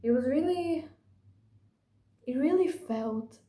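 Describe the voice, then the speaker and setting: A woman's voice: sits high, expressive, slow, mellow. A young woman vlogging casually to camera, rambling and gushing with lots of fillers. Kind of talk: casual confessional vlog. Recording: echoey room.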